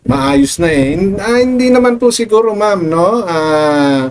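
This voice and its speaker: Lalaking nag-aalangan, maraming "ah" at "no". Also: male voice, sits high, a little slow, a little hiss or hum. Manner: hesitant with many fillers, mixing English into Tagalog; calm, reassuring to viewers. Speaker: commentary vlogger. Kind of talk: casual commentary reading viewer comments.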